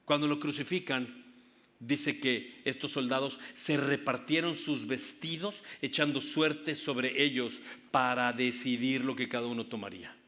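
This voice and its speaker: A man's voice: medium pitch, fairly even intonation, measured pace, sharp tone. A male pastor preaching a Good Friday sermon, retelling scripture vividly and dramatically, with spoken sound effects. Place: church sanctuary. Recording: long church reverb.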